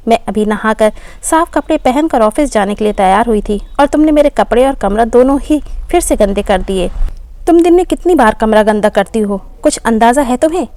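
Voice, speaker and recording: A woman's voice: a little high, lively intonation, fairly quick, a little mellow, dry recording. A woman voicing a tired working daughter, exasperated and pleading with her mother and maid. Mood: upset, tearful. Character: weary young working daughter, tearful and frustrated.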